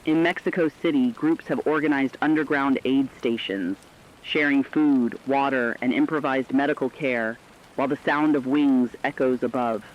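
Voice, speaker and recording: A man plays a radio correspondent, reading scripted dramatic news about human survival amid the apocalypse in a solemn, earnest, rhetorical manner. His mid-range voice sounds close to everyday speech and moves at normal speed. The sound is lo-fi.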